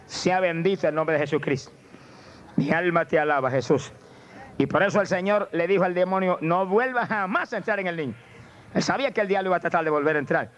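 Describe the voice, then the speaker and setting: A man preaching a fervent sermon with a Puerto Rican Spanish accent, dropping to low asides and rising to high cries of praise. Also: fast talker, clear, resonant tone. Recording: dull lo-fi tape with faint noise.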